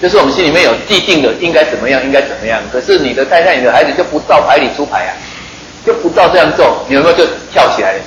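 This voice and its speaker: Male preacher, chatty and quick sermon delivery, roomy hall with faint noise. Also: on the high side, animated, fairly bright tone. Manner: chatty, joking, asks the listeners rhetorical questions.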